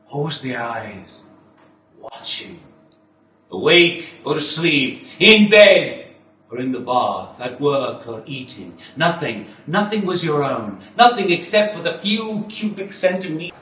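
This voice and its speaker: A man performing as an ominous theatrical storyteller of a bleak dystopia, emphatic and full of dramatic pauses. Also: fairly high pitch, a bit bright, voice pushed up. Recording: echoey room, far from microphone.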